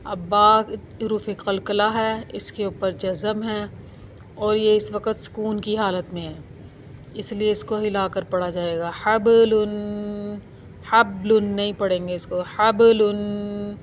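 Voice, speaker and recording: Slow, even-voiced woman teaching recitation. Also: medium pitch, slight background noise. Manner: slow, even and patient, drawing out sounds. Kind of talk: slow step-by-step tajweed lesson.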